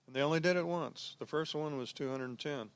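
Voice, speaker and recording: A man who is a guest on the show tells relaxed, easygoing anecdotes in casual conversation. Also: fairly high pitch, fairly quick, clean tone, dry recording.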